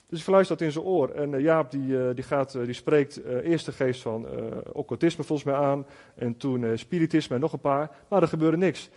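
A man's voice: fairly high pitch, a little mellow. Earnest Dutch-style preacher man, hall reverb. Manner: storytelling, earnest, many restarts and fillers. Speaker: preacher teaching on spiritual gifts. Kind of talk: informal sermon teaching.

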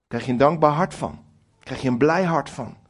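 Man, middle-aged, sermon, husky, emphatic, direct address to congregation. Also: fairly high pitch, moderate pace. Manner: lively, emphatic preaching with acted quotes to God; addresses listeners directly, with humour about his marriage. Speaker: preacher. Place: church hall before a congregation.

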